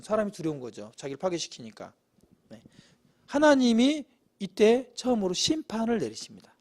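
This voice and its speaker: Male lay preacher, high and lively voice, quizzes the congregation, acts out quotes. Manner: animated, asks the congregation questions, acts out quoted lines. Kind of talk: Bible study sermon. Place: church.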